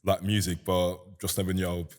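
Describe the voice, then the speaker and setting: A young man with a Nigerian accent speaks in a very low voice. He tells his story in a relaxed, chatty way, laughing often and slipping into casual slang. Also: a little fast. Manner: relaxed, laughing, lots of "you get me" slang. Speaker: guest musician. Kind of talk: casual interview chat.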